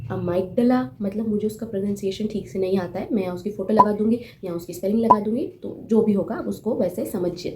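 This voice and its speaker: A woman's voice: medium pitch, brisk, hardly any pauses. A young woman giving casual self-help advice to camera. She talks in a chatty, joking way and often checks in with her listeners. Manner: chatty, joking asides, frequent "theek hai?" check-ins. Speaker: self-help video host. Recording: noticeably roomy, with faint room noise.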